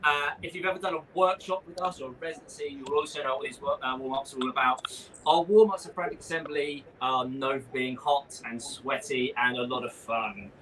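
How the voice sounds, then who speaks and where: Leading a warm-up class, a man calls out live exercise instructions in an upbeat, encouraging way. His mid-range voice is pushed and bright, steady in tone and fairly quick. The recording picks up noisy room sound and he is far from the mic.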